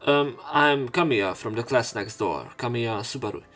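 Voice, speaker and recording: Over visual novel game music, a man narrates a let's play and reads the dialogue aloud, occasionally stumbling over words. His voice is medium-pitched and a bit bright, at a moderate pace.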